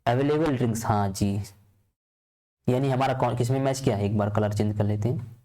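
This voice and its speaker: Guy walking through coding-decoding questions, asks himself stuff and answers it, mellow voice. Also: mid-range voice, a little fast. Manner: asks and answers his own questions in a steady, repetitive way. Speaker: teacher. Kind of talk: exam-prep lesson explaining a reasoning puzzle.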